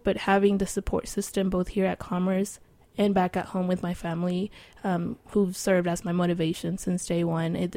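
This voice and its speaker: A woman's voice: medium pitch, warm tone, dry recording. A young woman in her twenties, a student guest in an interview, speaking sincerely and thoughtfully.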